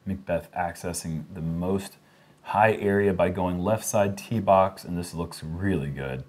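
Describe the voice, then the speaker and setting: A man's voice: low-pitched, a little slow, darkish tone, slight background noise. A man doing casual play-by-play commentary on disc golf.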